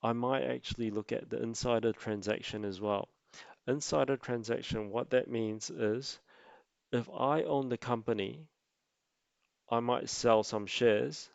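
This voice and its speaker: A man narrating an explanatory tutorial as an amateur presenter, speaking haltingly in short phrases. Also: medium pitch, vocal fry, no echo, highs cut off. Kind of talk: explanatory investing tutorial voice-over.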